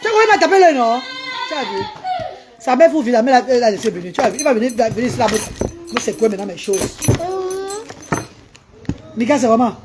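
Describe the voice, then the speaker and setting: Animated woman chatting on a live stream. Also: a little high, fairly quick, long pauses, noisy background. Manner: animated, coaxing a child between remarks to viewers. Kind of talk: casual live-stream chat with viewers.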